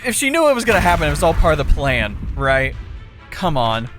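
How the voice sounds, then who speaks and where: A man's voice: on the high side, big pitch swings, a little fast, a bit bright, soft background music. A man doing casual, slangy playthrough commentary as a gaming streamer. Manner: loose, slangy.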